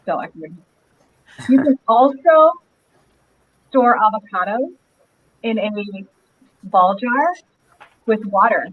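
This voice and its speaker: A woman speaking slowly and carefully on a live online call while her audio echoes back and sounds distant. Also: fairly high pitch, animated, phone-quality sound, a little hiss or hum. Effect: her audio echoing back over an online call. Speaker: participant on a live online show. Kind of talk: casual live video chat.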